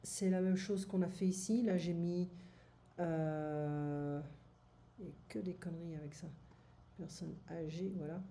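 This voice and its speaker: A woman tutor walks her student through a recorded lesson recap. She explains each point in French, then says it again in English. Her voice is dark and mellow, a little lower than most, and she talks at a very slow, patient pace. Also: steady tone, slight background noise.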